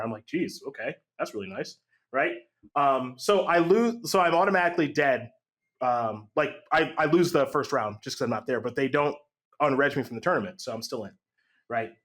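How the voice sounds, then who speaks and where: A man casually telling a long gaming story on a podcast, lively and acting out the voices of the people in it. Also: medium pitch. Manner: animated, acts out quotes with voice jumps.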